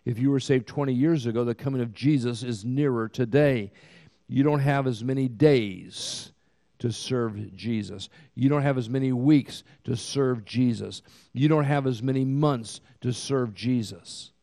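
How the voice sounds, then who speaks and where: A man in his sixties preaching a sermon as pastor, with slow, emphatic delivery that swells to loud peaks, recorded in a church sanctuary. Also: mid-range voice, vocal fry. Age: 60s. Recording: long hall reverb.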